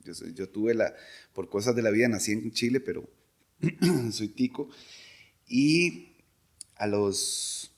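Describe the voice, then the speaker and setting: Middle-aged Costa Rican man, relaxed rambling storyteller, chuckles between stories. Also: on the low side, slow pace, pauses often. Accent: Costa Rican Spanish. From Costa Rica. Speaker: podcast guest, singer. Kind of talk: casual conversational storytelling.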